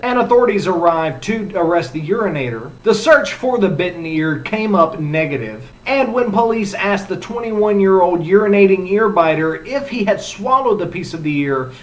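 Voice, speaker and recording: A man with a noticeably high voice hosts a comedic news roundup. He reads out strange headlines in a casual, sarcastic way. He keeps dropping jokey asides between the facts. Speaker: news show host. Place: lives in Orlando.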